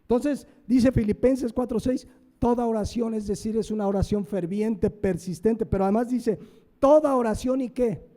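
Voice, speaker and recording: A man's voice: extremely high pitch, normal speed, mellow. A man preaching a sermon as pastor. He asks the congregation questions and answers them himself, stressing words one by one.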